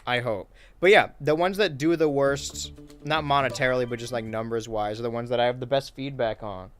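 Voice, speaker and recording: A man's voice: medium pitch, a little fast. Laid-back young man streaming a game. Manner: laid-back, wry, reads chat aloud while playing. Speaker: streamer and YouTuber. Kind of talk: casual gaming livestream chat.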